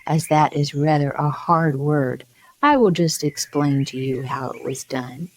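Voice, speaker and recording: Bedtime storyteller, female, low register, very unhurried, soothing scripted narration. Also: steady tone. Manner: soothing, measured.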